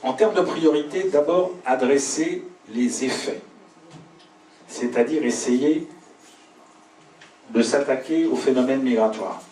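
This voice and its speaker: A man speaks in a measured, deliberate way, pausing between phrases as he answers audience questions after his talk. He is picked up from a distance in a roomy pub, with a faint hum of the crowd behind him. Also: mid-range voice, dark tone. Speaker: invited speaker giving a talk.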